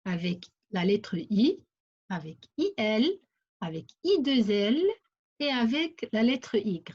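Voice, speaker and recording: Slow, lively-voiced woman teaching reading. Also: mid-range voice, husky. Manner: slow, deliberate, repeating words and syllables. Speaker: primary school teacher. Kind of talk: reading lesson for young children. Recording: dull lo-fi recording.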